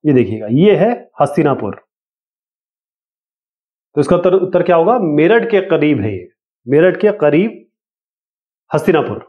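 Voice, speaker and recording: Male teacher, casual explainer, slightly high voice, tinny phone-like recording. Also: big pitch swings. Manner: casual, explanatory, reads questions slowly. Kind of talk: explaining an exam lesson.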